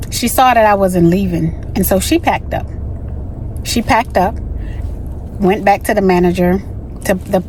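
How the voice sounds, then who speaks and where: In a casual vlog, a woman in her thirties who was born in the Bahamas and grew up in Miami tells a story candidly and conversationally, with many "you know" asides. Her voice is fairly low and darkish in tone. The audio is poor, with a little hiss or hum.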